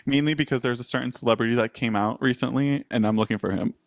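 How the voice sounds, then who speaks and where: A young man co-hosts a podcast, chatting casually in an animated way and laughing often. His voice is medium in pitch and gravelly, and the recording has no echo.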